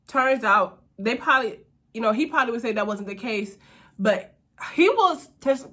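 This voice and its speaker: A woman's voice: on the high side, fairly bright tone, husky. A young adult woman hosting her own channel, telling a personal faith testimony in an earnest, conversational way, speaking to viewers directly as y'all. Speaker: host.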